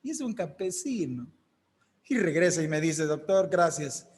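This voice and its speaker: A man's voice: fairly high pitch, sing-song, normal speed, a little mellow, long reverb tail. A man preaching an emphatic sermon, acting out the voices he quotes.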